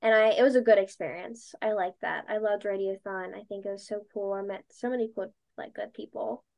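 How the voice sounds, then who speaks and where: A woman's voice: mid-range voice, a little fast, vocal fry, darkish tone. A young woman as an interview guest, chatting casually and acting out past conversations with lots of "like". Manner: chatty, acts out past conversations, many likes. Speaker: guest, dancer and podcaster.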